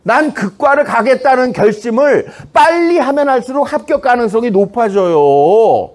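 A middle-aged man delivering a comedy lecture to high schoolers, his voice pitched high for a man and swinging widely in tone. His delivery is teasing and punchy, and he keeps tossing out "어?" to fish for the students' reaction. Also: animated, moderate pace. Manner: breaks into shouted examples and squeaky student impressions.

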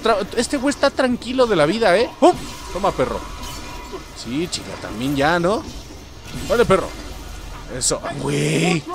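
Man, Mexican accent, let's-play commentary, high lively voice, yelps and curses, faint music behind. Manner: excitable, yelps and swears, talks to viewers. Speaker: gameplay streamer.

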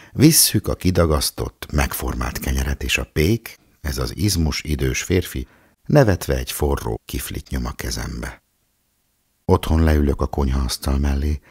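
A man giving a calm, measured literary reading of a story. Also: very deep voice, breathy edge. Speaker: audiobook reader.

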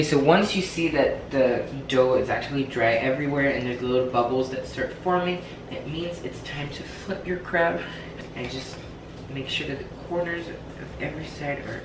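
A man's voice: mid-range voice, noisy background. Chatty young man in an echoey kitchen. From France. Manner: chatty, playful, jokes at himself. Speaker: cooking vlogger. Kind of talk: casual cooking demonstration. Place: home kitchen. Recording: echoey kitchen with clattering dishes.

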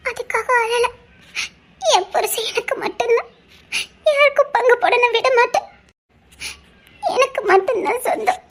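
Very high-voiced clingy wife Abi, played by a woman. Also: measured pace, pauses often, a bit bright, exaggerated voice. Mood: tearful pleading. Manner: tearful, pleading, half laughing. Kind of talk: amateur Tamil audio drama.

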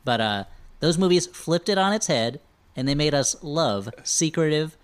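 A man's voice: fairly high pitch, animated, moderate pace, smooth. A man hosting a comedy podcast, recapping a movie with wry, jokey asides. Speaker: podcast host.

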